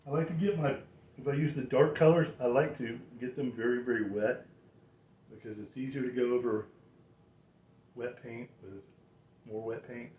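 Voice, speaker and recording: A man's voice: mid-range voice, fairly even intonation, moderate pace, long pauses, recorded from a distance. A folksy man in his sixties giving a casual painting tutorial, talking to himself and poking fun at himself as he works. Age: 60s. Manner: folksy, self-deprecating, muttering to himself. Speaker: painting demonstrator. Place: small curtained indoor painting space. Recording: roomy, dull sound with faint noise.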